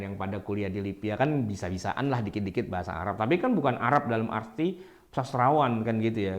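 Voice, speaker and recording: Male Islamic teacher, animated pitch, jokey and colloquial, video-call audio. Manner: jokey, laughing often, colloquial. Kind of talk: casual online lecture.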